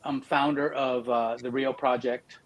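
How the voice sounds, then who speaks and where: A man introducing himself on a panel over a video call whose connection keeps cutting out. He speaks briefly and haltingly, repeating words. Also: medium pitch, flat delivery, a little hiss or hum, low-quality recording. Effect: connection cutting out and dropping in and out. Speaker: startup founder on a panel.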